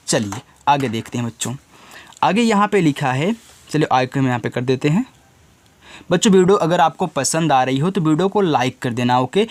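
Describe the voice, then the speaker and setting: A male teacher teaching children, spelling words slowly letter by letter and repeating the answers. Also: a little high. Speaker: English teacher.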